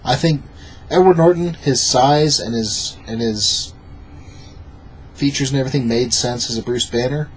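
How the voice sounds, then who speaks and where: Drunk dude chatting about a movie, average pitch, little bit of room noise. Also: male voice, moderate pace. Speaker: film review co-host. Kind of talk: casual review chat.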